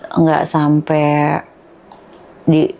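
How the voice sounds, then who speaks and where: Young woman, tearful, halting, searches for words, emotional interview guest. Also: low voice, completely flat delivery, dark tone. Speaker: podcast guest, bereaved mother.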